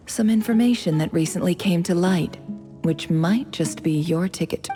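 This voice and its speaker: Here an actress plays a scholarly envoy in a video game, a cool and calculating young woman who persuades in a measured, polite way. Her pitch is on the low side.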